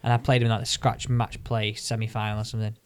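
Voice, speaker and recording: A man's voice: fairly low pitch, flat delivery, quick pace, smooth, dry recording. A man with a Mancunian accent co-hosting a golf podcast, telling anecdotes in a casual, matey, slangy way with mild swearing. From Manchester area, England.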